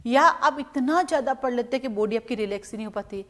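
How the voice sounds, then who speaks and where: A woman's voice: a little high, fast talker, a bit bright. A middle-aged woman from India, a law exam coaching teacher, giving students direct, motherly strategy advice. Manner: addresses students as "beta", direct advising tone.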